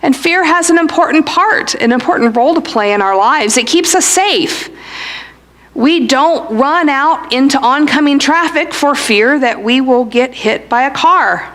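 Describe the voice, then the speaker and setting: A woman's voice: high voice, expressive, a little slow, fairly bright tone. A woman pastor giving a sermon, telling a story and slipping in dry, humorous asides. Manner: storytelling delivery.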